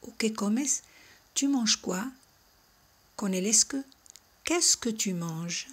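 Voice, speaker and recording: Slow, breathy woman teaching French. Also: on the high side, animated. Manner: slow, carefully articulated model phrases, each repeated. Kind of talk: language lesson.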